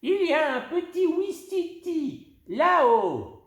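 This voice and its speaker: A man voicing a kindly, playful old grandmother in a storybook, gentle and teasing. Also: very high-pitched, big pitch swings, slow, pitched above the performer's own voice, exaggerated voice. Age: older. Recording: roomy echo.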